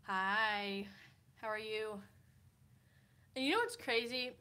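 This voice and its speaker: A young woman in her early twenties from Kansas, USA, chats casually on a livestream from a hotel room, reading comments aloud. Her medium-pitched voice moves slowly with a sharp edge, and though she sounds tired, she rambles on with plenty of "like" fillers and frequent laughter.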